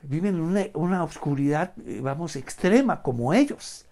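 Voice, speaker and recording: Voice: mid-range voice, animated, normal speed, a little mellow. A Bible study teacher giving an online lesson, speaking emphatically, asking rhetorical questions and often using the filler "vamos".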